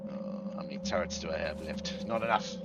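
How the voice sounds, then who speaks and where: A man streaming a video game, chatting casually in a playful, theatrical, mock-gentlemanly way. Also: a bass voice, brisk, muffled recording, heavy background noise. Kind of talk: casual gaming commentary.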